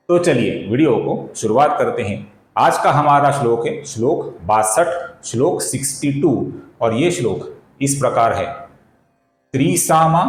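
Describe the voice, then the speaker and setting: A man gives a patient pronunciation lesson, drawing out each syllable at a very unhurried pace. He repeats sounds to show precise enunciation and calls his viewers friends. His voice carries noticeable echo from the room around him. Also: medium pitch. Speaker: Sanskrit pronunciation teacher. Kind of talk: explanatory lesson with slow chanting.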